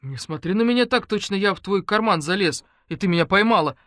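A man's voice: high-pitched, lively intonation, a little fast, a bit bright, no echo, pitched above the performer's own voice. A woman reading as a curt, sarcastic young man. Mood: grumbling. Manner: dry, curt, ironic.

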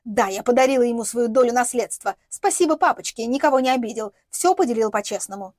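A woman's voice: fairly high pitch, fast, a little mellow, no echo, clean studio sound, close to an everyday voice. A woman voicing a bitter, defiant young woman who sneers and speaks vehemently, in an audiobook.

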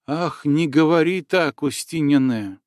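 A man reading the lines of a good-natured young forest hunter, gentle in manner and often tacking "да" onto his phrases. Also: fairly high pitch, a little slow, no echo, studio quality, close to an everyday voice. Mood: shy, admiring.

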